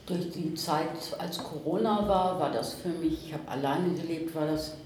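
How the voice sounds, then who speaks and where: Calm woman in her sixties, echoey room. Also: low-pitched, normal speed, slight background noise. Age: 60s. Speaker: resident. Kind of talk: group conversation. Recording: echoey room with faint ambience.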